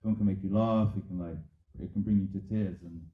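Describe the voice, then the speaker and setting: A man with a very deep voice answers on a film panel, earnest and halting with plenty of ums. His voice comes through thin and tinny, with the echo of a big room. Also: fairly even intonation. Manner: halting, earnest, many fillers. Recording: echoey, tinny sound.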